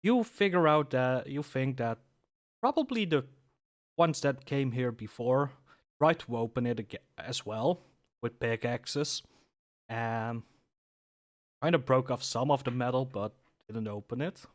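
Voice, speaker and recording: A man narrating a tabletop game as game master, pausing often with fillers. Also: mid-range voice. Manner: measured, with frequent pauses and fillers.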